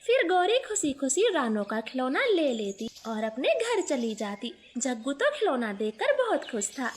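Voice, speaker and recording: A woman narrating a scripted cartoon story in an animated, expressive way. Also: high-pitched, unhurried, a little hiss or hum.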